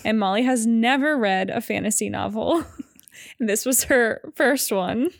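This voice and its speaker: Upbeat, quick-talking young woman. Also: fairly high pitch, creaky, no room sound, studio quality. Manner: upbeat, laughs often, quick when explaining. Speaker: podcast co-host. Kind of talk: casual book chat.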